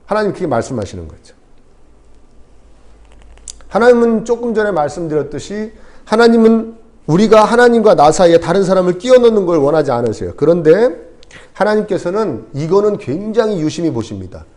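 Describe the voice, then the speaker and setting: A man preaching a sermon as pastor, telling the story with lively storytelling and acting out the dialogue. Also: sits high, a little fast.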